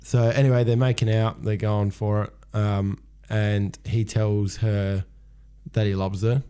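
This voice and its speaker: A man's voice: lowish voice, level tone, measured pace, dark tone, smooth. Laid-back man recapping a show. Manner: laid-back, chatty storytelling with fillers. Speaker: podcast co-host. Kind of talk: casual chat recapping a TV show.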